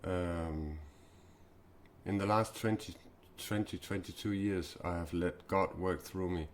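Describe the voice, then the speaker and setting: A Danish man in his forties hosting a spiritual live stream, talking haltingly with many fillers and restarts. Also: low-pitched, steady tone, a little hiss or hum. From Denmark.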